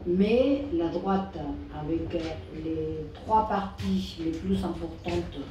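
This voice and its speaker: A woman's voice: lowish voice, slow pace, dark tone. A woman from Peru with a foreign, Peruvian Spanish accent in French, giving an informal political talk as an activist and hesitantly searching for her words. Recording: distant mic, echoey room, faint noise.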